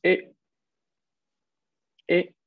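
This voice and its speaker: A man's voice: drawn-out words, no echo, narrow, tinny audio. A man teaching a Japanese class online, patiently counting out strokes as he writes.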